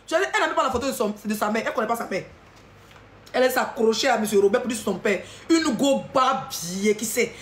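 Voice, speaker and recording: A woman with an Ivorian French accent delivering a heated, taunting rant to the camera, often breaking into shouts. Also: on the high side, lively intonation, very fast, echoey room.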